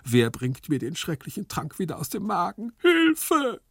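A man voicing a hysterical, lovesick Italian marquis with shrill, theatrical wailing laments in a literary reading. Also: wildly swooping pitch, measured pace, creaky, a bit bright, no room sound, studio quality, full character voice. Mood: despairing. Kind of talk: literary reading with acted voices.

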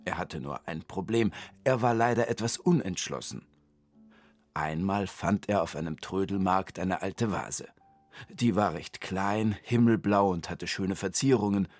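Brief: expressive low male narrator for a children's radio story, faint music bed. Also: a little slow.

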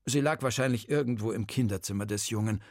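Male storyteller, even audiobook narration, dry gravelly voice. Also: lowish voice, quick pace, no echo.

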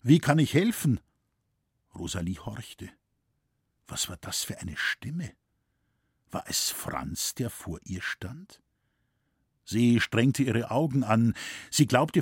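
A man reading a novel aloud with measured, solemn storytelling. He takes his time, his voice is slightly husky, and the sound is close and dry. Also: medium pitch, no room sound. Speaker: audiobook narrator. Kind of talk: scripted narration.

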